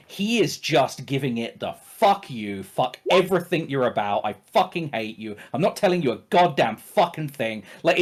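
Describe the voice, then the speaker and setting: A man running a tabletop game as game master, narrating off the cuff in a casual, emphatic way with plenty of swearing. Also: a little high.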